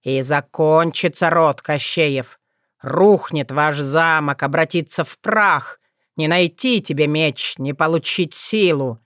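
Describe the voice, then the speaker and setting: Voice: medium pitch, fairly even intonation, slow pace, fairly bright tone, clean tone, no room sound, clean studio sound. A reader voicing a spiteful, half-mad old male forest spirit who snarls and gloats. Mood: gloating.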